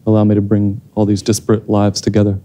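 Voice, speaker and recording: A man in his thirties fields audience questions after a screening, holding a mic on a theater stage. His voice is fairly low and dark, and he talks fast in a completely flat way, thoughtful and hesitant, restarting often.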